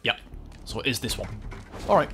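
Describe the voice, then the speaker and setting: A young man giving let's-play commentary, excitable, with loud yelps and exclamations. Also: brisk, soft background music. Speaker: gaming channel host.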